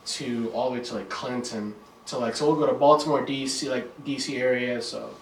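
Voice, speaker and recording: A relaxed man from Maryland chats as a podcast guest. His speech is loose and full of fillers, delivered at a middle pitch. He sits away from the mic in a roomy space with a faint hum behind him. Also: brisk, recorded from a distance. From Maryland, USA. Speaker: podcast guest, remodeling business owner. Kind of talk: casual interview chat.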